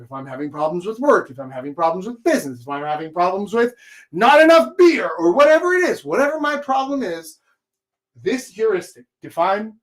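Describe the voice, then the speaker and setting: A man with a somewhat high voice hosts a live coaching session. He talks informally and emphatically, often checking that the listener follows. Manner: emphatic, checks in with "right?", casual swearing. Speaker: host, dating and life coach.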